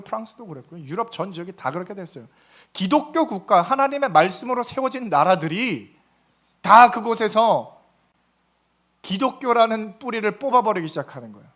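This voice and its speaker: A man's voice: sits high, fairly bright tone. A male pastor giving a Sunday sermon, preaching with animation and acting out quoted voices.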